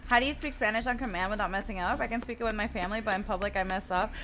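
Talking at a racing pace, this woman's medium-pitched voice is fairly bright, with a little noise behind it. She's a twenty-something streamer from the United States, chatty and quick to laugh, reading viewers' chat aloud during play.

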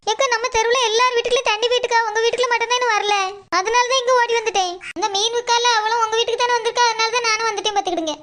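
A woman doing a frightened rapid village neighbour. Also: very high voice, steady tone. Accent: Tirunelveli Tamil. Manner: urgent, explaining. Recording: loud hiss behind voice.

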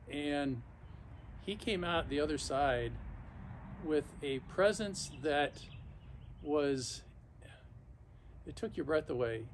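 Halting middle-aged man talking casually outdoors. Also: fairly high pitch. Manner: halting, reflective, with pauses mid-sentence. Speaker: vlogger. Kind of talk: casual unscripted monologue to camera. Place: backyard patio outdoors, sitting in an ice bath. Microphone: camera or phone a few feet away. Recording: outdoor noise, camera some feet away. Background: clear outdoor ambient noise.

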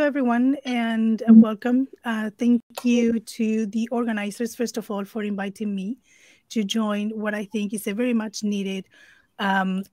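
A woman's voice: medium pitch, no room sound. A woman from Argentina whose first language is Spanish, speaking English as an interpreter giving an earnest conference talk over a video call, with fillers and restarts.

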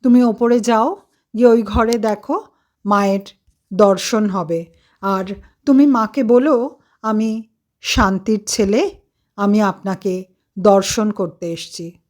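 A woman's voice: medium pitch, slow, pauses often, a little mellow, lightly acted. A woman voicing a devout middle-aged mother who speaks firmly and scolds her son, in a devotional story. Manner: firm, scolding.

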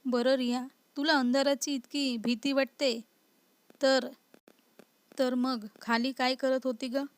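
A woman reading aloud gives voice to a playful young husband who keeps needling his wife. The tone is light and mocking, slightly high, and the voice sits dry and close. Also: flat delivery, slow, no room sound. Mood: teasing.

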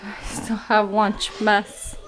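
Slow-talking young mom vlogger. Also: female voice, medium pitch, completely flat delivery, music in the background. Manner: chatty, talks to her pet and kids. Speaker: family vlogger. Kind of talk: casual family vlog.

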